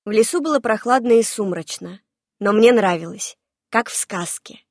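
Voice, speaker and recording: A woman reading a first-person fantasy novel aloud in a lively, expressive narration. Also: mid-range voice, normal speed, no echo, studio quality. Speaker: audiobook narrator.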